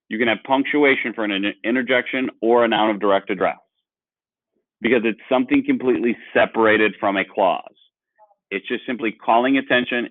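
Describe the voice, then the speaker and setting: A male teacher with a lowish voice runs an online grammar lesson, patiently explaining and putting questions to the class. The recording is dry, echo-free, and sounds like it's over a phone.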